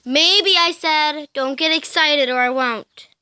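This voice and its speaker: A woman's voice: high voice, slow, pushed and bright, no echo. A female amateur vlogger chatting casually to a pet cat in baby talk, cooing and scolding.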